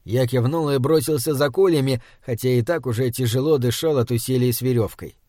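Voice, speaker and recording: A man narrates an audiobook in the first person, with a steady, measured delivery. His voice sits at an ordinary pitch for a man, and the recording is dry and close, with no room sound. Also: no echo.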